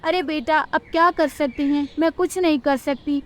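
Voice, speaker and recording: A woman's voice: sits high, steady tone, moderate pace, pitched above the performer's own voice, lightly acted. A woman voicing a worried, caring mother bird in a cartoon story. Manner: fond, fretful scolding.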